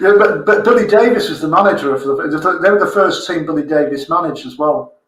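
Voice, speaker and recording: Chatty higher-voiced man in an echoey room. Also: crowd noise. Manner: quizzical, chatty, quick to laugh along. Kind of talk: casual podcast chat. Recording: roomy echo.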